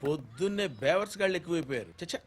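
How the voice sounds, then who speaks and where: An actor playing a bossy, shrill man in a comic film scene. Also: lively intonation, very fast, slight background noise, natural voice.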